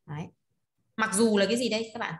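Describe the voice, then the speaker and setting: A woman's voice: medium pitch, fast talker. A woman teaching an online class. She explains words, repeats them and prompts her students to read aloud. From Vietnam. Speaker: Chinese language teacher. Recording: echoey room.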